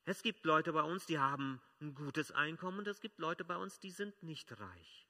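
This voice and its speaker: A man preaching a sermon as pastor, emphatic, swelling loud and dropping soft. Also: fairly high pitch, lively intonation, normal speed.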